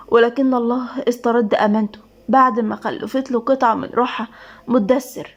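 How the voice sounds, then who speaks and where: A woman's voice: fairly high pitch, lo-fi sound. A woman with an Egyptian accent narrating a dramatic romance story with emotive reading. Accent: Egyptian Arabic.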